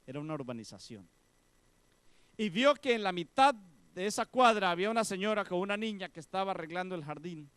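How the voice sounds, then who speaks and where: Animated pastor telling a story. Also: male voice, high voice, brisk, smooth, no echo. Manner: animated storyteller, voicing the women in the story with soft, hushed tones. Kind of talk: sermon storytelling.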